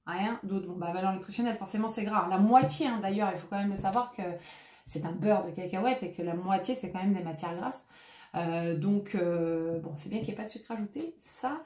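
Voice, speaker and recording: A woman's voice: mid-range voice, darkish tone, echoey room. A woman with a French accent, a dietitian chatting casually as she unboxes food and reads out ingredients. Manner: chatty, lots of fillers, reads out ingredient lists. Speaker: dietitian-nutritionist.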